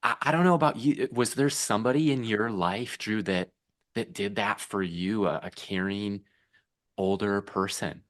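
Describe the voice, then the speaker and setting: This is a man with a deep, low voice co-hosting a podcast interview. He is enthusiastic and exclamatory and often launches a thought with "man." The recording is dry and close. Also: unhurried, no echo. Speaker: podcast co-host.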